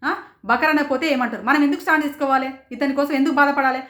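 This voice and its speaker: A woman reviewing a reality show in rapid, indignant commentary, firing off rhetorical questions. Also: high-pitched, fairly even intonation, a bit bright, echoey room. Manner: rapid, rhetorical, indignant, quotes others in raised voices. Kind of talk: passionate commentary.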